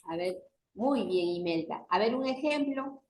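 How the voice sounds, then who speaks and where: Animated woman teacher in an echoey room. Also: medium pitch, a little slow, slight background noise. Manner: animated, often asks for agreement. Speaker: university teacher. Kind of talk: online class lecture.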